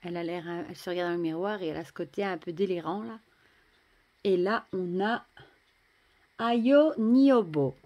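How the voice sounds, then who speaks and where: A French woman casually showing and admiring tarot cards, chatty, often dropping to a soft murmur. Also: lowish voice. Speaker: tarot deck reviewer. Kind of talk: casual show-and-tell.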